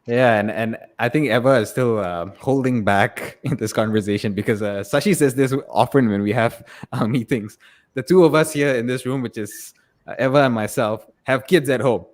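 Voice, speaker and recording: A man hosting a live podcast conversation, thoughtful and hesitant, with frequent fillers and soft laughs. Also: medium pitch, moderate pace. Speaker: podcast host. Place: room with guests.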